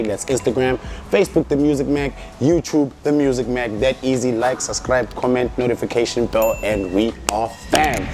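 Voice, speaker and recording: A man's voice: mid-range voice, darkish tone, slight background noise. A young man hosting a casual interview, hyped and slangy, often repeating himself. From South Africa. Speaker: interview host.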